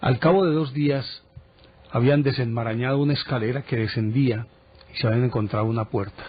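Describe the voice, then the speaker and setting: A man presenting a TV program, telling a history story casually with lively asides. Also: medium pitch, quick pace, husky. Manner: animated storyteller, chatty asides. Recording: dull broadcast audio.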